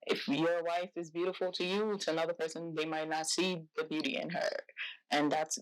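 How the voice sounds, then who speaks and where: A woman's voice: low-pitched, fairly quick, poor audio. A young woman talking as an interview guest, a hairstylist and fashion entrepreneur, speaking expressively and casually with lots of "like" fillers. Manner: expressive, chatty, many "like" fillers.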